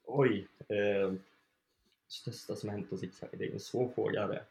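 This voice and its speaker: A man's voice: on the low side, creaky, roomy sound. A young man from Sweden, a band member being interviewed, talking casually with lots of fillers and easy laughter. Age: young adult. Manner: relaxed, laughs often, many fillers.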